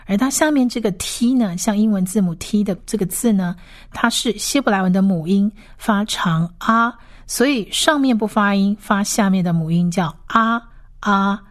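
A woman teaching Hebrew on a radio lesson, slowly spelling out sounds and repeating each word several times. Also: mid-range voice.

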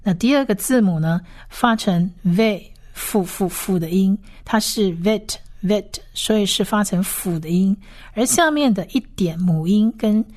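A woman teaching Hebrew on a radio lesson, slowly spelling out sounds and repeating each word several times. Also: mid-range voice, a little mellow.

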